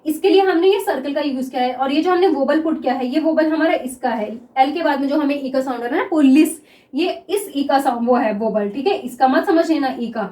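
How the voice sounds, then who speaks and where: A high-pitched woman gives a classroom lesson, drawing out example words as she writes them and checking in with her students again and again. The room rings with a noticeable echo. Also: mellow. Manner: repeats words slowly while writing, asks 'clear?' often. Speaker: shorthand teacher.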